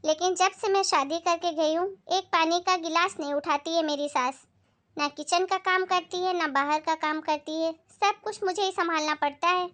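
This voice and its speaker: A woman's voice: very high-pitched, steady tone, moderate pace, a bit bright. A woman playing an outspoken young married daughter who complains about her in-laws, in a family moral skit. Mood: aggrieved.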